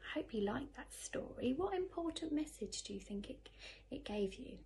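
This teacher, probably in her thirties, has a high voice with vocal fry and speaks at a normal speed. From the sofa in her living room she animatedly reads a picture book to young children and asks them questions. The audio comes from a phone camera a short distance away and carries slight background noise.

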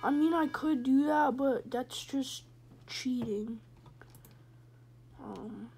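A woman with a high voice doing let's-play commentary on a horror game, speaking slowly and unhurried. She jokes and rambles, sometimes dropping to a whisper, with faint noise in the background. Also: creaky, darkish tone. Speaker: gamer.

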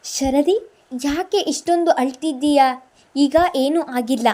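A woman storyteller voicing a young man who gently comforts the woman he loves. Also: high voice, takes it slowly. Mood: tender, worried. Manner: gentle, worried, soothing.

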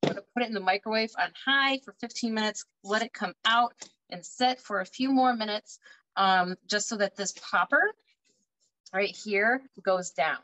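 A woman's voice: mid-range voice, normal speed, sharp tone, rough recording. A woman in her thirties giving a cooking demonstration from her home kitchen over a video call, explaining step by step. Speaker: guest cook. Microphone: webcam video call.

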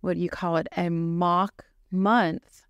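Middle-aged woman, pregnancy center director, slightly low voice, dry close sound, lively storyteller. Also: takes it slowly, clean tone, no room sound, lo-fi sound. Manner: chatty, animated storyteller. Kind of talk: casual chat.

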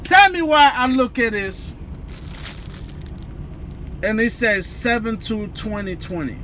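A man's voice: extremely high pitch, big pitch swings, slow, sharp tone, a little hiss or hum. A young man, vlogging casually from his parked truck cab on a phone camera, talking loosely and slangy straight to his viewers. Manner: loose, chatty, slangy, addresses the viewers directly. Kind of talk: casual vlog talk to camera. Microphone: phone camera at arm's length.

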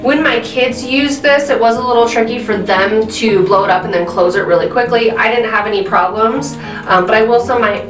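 A woman in her thirties giving a casual product review, chatty and filling pauses with "um". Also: a little high, music in the background. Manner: chatty, frequent "um" fillers. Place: indoor room at a desk. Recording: roomy and slightly distant.

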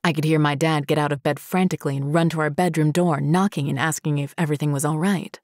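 A woman reading scary stories aloud as a narrator, in a slow, steady storytelling delivery. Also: low voice, dry recording, studio quality.

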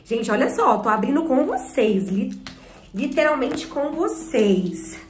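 A woman with a Brazilian Portuguese accent in an excited unboxing vlog, talking breathlessly and nervously, close to tears. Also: high voice, takes it slowly, slight background noise. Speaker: YouTuber and performer. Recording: echoey room.

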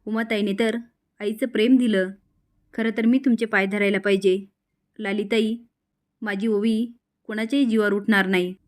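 A woman voicing a grave father who speaks calmly and slowly. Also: medium pitch, lightly acted. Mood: earnest grave. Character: grave father taking his daughter away.

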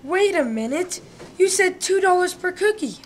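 A woman's voice: extremely high pitch, lively intonation, moderate pace. A woman voicing a male big bad wolf in a comic radio play, telling his side of the story with indignant self-pity. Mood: aggrieved. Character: male big bad wolf, aggrieved smooth-talking hustler.

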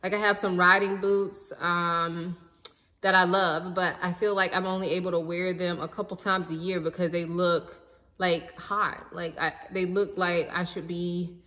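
In a laid-back haul vlog filmed in her living room, a thirtysomething woman sits chatting with viewers she calls "y'all" about what she bought. Her voice sits lowish and her pace is measured, echoing as if in a large hall.

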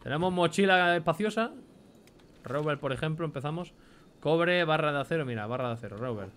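A man's voice: on the high side, lively intonation, fairly quick, fairly bright tone, a little hiss or hum. Chatty Spanish man narrating gameplay. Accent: Spain Spanish. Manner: chatty, swears casually, reads item names aloud. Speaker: gameplay commentator. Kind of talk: let's play commentary.

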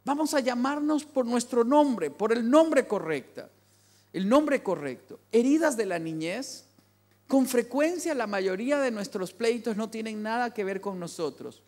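A man's voice: extremely high pitch, expressive, measured pace. A man giving an emphatic family sermon in a large church hall, repeating key phrases for weight. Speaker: family speaker.

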